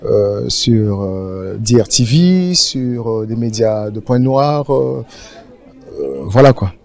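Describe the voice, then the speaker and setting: A man's voice: medium pitch, slow, gravelly. A man from Congo, a singer being interviewed, talking casually with many hesitations. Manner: relaxed, hesitant with many fillers. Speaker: guest singer.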